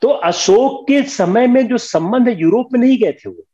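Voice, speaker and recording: A man's voice: very high voice, lively intonation, normal speed, warm tone. Firm older male history teacher. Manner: firm, scolding, mixes Hindi with English. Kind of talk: classroom lecture. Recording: dull lo-fi classroom recording.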